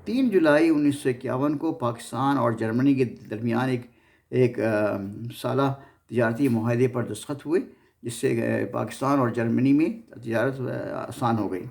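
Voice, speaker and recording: This history-series host is a man with a Pakistani accent who narrates informally, frequently tripping over and repeating words. He speaks at a measured pace in a medium-pitched, gravelly voice with a darkish tone.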